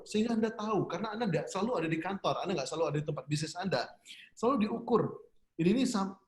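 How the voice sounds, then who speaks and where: A man's voice: fairly high pitch, roomy sound. A man giving an online business seminar in a chatty way, laughing often and asking the audience questions.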